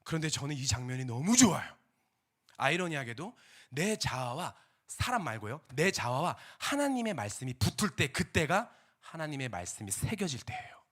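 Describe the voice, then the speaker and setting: Lively, bright-voiced young male preacher. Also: on the high side, normal speed. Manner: animated, acts out quotes with wide jumps from whisper to shout. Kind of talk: sermon.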